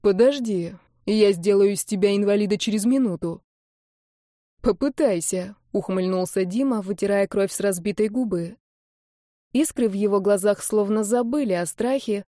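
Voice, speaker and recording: A woman narrating a dramatic novel in steady storytelling style. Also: medium pitch, no room sound, clean studio sound. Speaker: audiobook narrator. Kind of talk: scripted narration.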